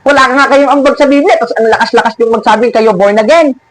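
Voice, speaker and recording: High-voiced sarcastic male preacher. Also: fast talker, no room sound, rough recording. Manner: sarcastic, scolding, laughs at his opponents. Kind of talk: preaching and mocking a rival church.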